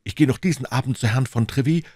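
A man's voice: medium pitch, fast, darkish tone, no room sound, studio quality, pitched above the performer's own voice, natural voice. A man voicing a bold, devoted young swordsman in an audiobook, eager and declamatory. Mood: ardent. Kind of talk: audiobook reading, acted dialogue.

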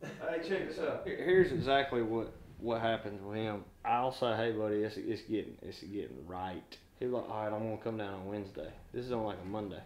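A man's voice: on the low side, fairly quick. A man, bragging in casual chat about his catches. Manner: boastful, animated storyteller. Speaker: angling guide and friend. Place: living room, indoors. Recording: roomy echo.

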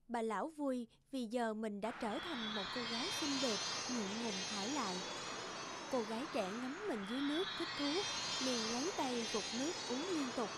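A woman narrating a fairy-tale cartoon in a gentle, even storytelling delivery. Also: a little high, heavy background noise. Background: loud background music.

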